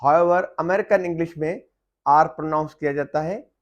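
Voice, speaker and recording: A man teaching English silent letters, explaining slowly with frequent "uh" fillers and repeating example words loudly and carefully. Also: fairly high pitch, muffled recording. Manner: slow, deliberate explaining with many "uh" fillers.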